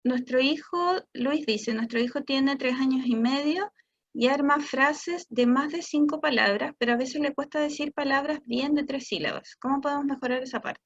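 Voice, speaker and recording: A Chilean woman speech therapist giving a talk to parents, explaining patiently and stretching words out slowly to demonstrate them. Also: sits high, highs cut off. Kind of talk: online talk for parents answering questions.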